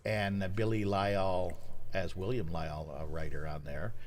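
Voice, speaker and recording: A man's voice: deep voice, fairly even intonation, unhurried. A man co-hosting a podcast, chatting casually about movie soundtracks and rattling off songs and their writers. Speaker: podcast co-host.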